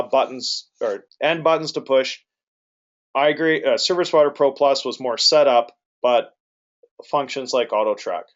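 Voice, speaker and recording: Guy running a webinar, casual and loose, mid-pitched voice, kinda dull muffled audio. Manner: informal, loosely worded. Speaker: webinar moderator. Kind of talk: live webinar hosting.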